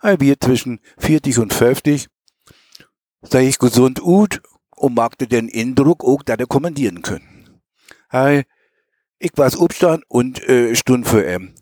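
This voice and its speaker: A man with a Low German accent, reading an old memoir tale aloud in a homely, halting manner. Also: animated, darkish tone, no room sound, studio quality. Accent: Low German (Mecklenburg). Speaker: storyteller.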